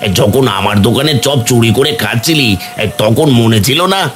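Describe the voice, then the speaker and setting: A man's voice: medium pitch, brisk, a bit bright, a little hiss or hum, close to an everyday voice. A man voicing a stingy, scolding village snack seller. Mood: angry. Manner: scolding, harsh. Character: gruff middle-aged male snack seller, stingy.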